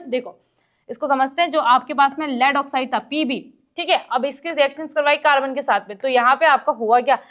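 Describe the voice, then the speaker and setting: A woman teaching an exam-prep lesson. She explains each step and keeps asking the class questions, reads English question text slowly, and coughs now and then. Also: high-pitched, a bit bright.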